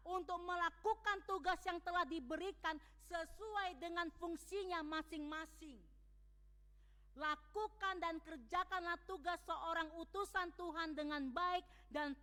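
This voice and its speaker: A woman pastor preaching a sermon in a church, talking in a lively way and asking the congregation questions. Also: very high-pitched. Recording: long church hall reverb.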